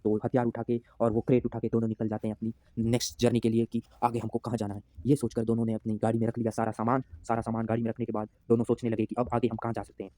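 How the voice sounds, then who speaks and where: Man, youtube storyteller, quick chatty narration, dark mellow voice, dry sound. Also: mid-range voice, monotone, dry recording. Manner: fast, chatty, with restarts.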